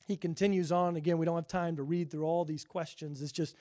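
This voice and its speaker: Delivering an earnest sermon, this middle-aged pastor speaks briskly with fairly even intonation. His voice is high for a man, growing louder on scripture quotations and softer during asides.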